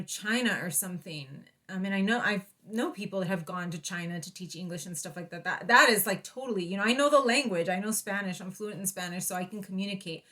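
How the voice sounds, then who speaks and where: A woman's voice: medium pitch, a bit bright. An American woman vlogger talking in a casual personal monologue, reflective and hesitant as she thinks aloud.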